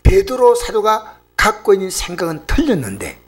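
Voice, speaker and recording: A male pastor preaching an emphatic, animated sermon. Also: high-pitched, normal speed.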